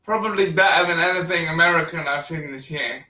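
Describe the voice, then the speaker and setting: A man hosting a casual wrestling chat, relaxed and chatty, laughing often. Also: a little high, a little fast. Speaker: podcast host. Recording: roomy echo, distant mic.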